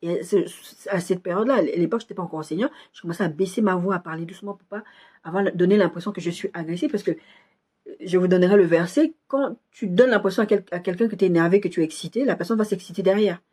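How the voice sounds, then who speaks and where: A woman telling a personal testimony in a sermon, speaking softly and acting out the people in her story. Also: on the low side, quick pace, breathy edge. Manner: soft-spoken, storytelling with quoted dialogue. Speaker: preacher.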